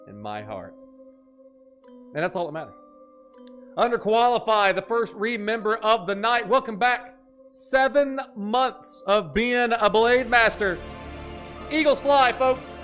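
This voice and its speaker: Hosting a gaming livestream, a man in his thirties with a high voice hypes things up loudly and jokingly, calling out chatters by name and occasionally putting on a deep, fake-spooky tone. He's animated yet a little slow, with long pauses, as faint game music plays softly behind him.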